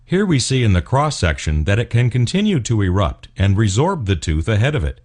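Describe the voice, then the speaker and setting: Low-voiced man narrating with lively intonation. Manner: formal, measured, clinical delivery. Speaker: narrator of dental explainer videos. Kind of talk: scripted narration, instructional.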